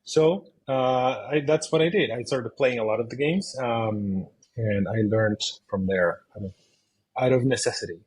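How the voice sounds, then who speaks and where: Husky-voiced Chilean man, hesitant. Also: medium pitch, measured pace, a little mellow, rough recording. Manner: hesitant, many fillers and restarts. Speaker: interview guest, video game designer. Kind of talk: casual interview answers.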